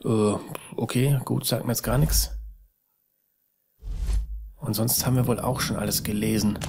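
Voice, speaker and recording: A man talks his way through a video game in a casual, rambling manner, muttering to himself and letting out fretful sighs. His voice sits at an ordinary middle pitch. There is a clear layer of background noise under the recording. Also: steady tone, a little slow, a little mellow. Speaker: let's player. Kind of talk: casual gameplay commentary.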